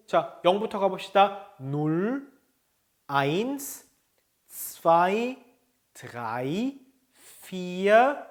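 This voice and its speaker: Lively high-voiced male language teacher. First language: Korean. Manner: explains step by step, models German words slowly, asks rhetorical checks. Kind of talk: video lesson lecture.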